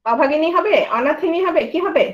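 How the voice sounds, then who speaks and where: High-voiced woman teaching grammar. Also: fairly quick, dull audio. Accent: Bangladeshi Bengali. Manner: quizzing students with questions, then answering. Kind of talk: grammar lesson.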